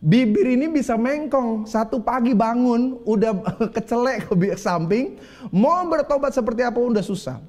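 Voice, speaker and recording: A man's voice: extremely high pitch, normal speed. A male pastor preaching a sermon, telling stories with humor and acting out the voices of the people in them. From Indonesia. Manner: lively storytelling, acts out quoted voices, laughs often.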